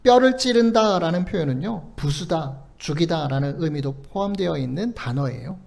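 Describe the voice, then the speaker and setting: Fervent pastor, high and lively. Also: male voice, moderate pace, vocal fry. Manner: earnest preaching, quotes scripture with rising emphasis; gently coaxing, ends sentences with soft "거든요" and "요". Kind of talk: sermon.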